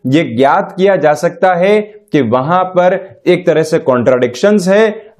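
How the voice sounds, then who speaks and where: A middle-aged male astrologer giving a spiritual self-help talk in a measured, formal way, mixing in English terms. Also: on the high side, darkish tone.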